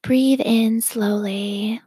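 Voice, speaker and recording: A woman leading a guided self-awareness meditation, speaking softly and calmly with a whispery, breathy delivery. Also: on the high side, dry recording. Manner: slow, calm, gently instructive.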